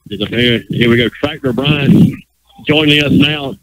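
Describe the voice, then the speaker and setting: A man announcing a high school football game live on radio, calling the action in a rapid running commentary. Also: slight background noise, rough recording. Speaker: play-by-play announcer.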